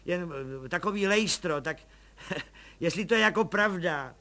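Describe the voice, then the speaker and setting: A man voicing a humble, chatty little police agent who talks in eager, deferential, high-pitched bursts. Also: pushed and bright. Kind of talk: audiobook character voice.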